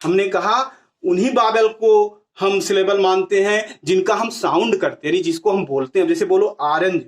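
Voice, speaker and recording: High-voiced man teaching a grammar class. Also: normal speed. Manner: asks questions and answers them himself, repeating key words.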